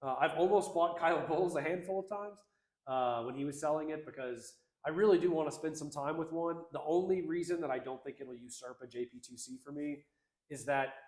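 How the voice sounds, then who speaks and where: A man's voice: a little high, a little fast, darkish tone, reverberant. A man co-hosting a casual livestream, reading out chat comments in an upbeat, slangy, rambling way.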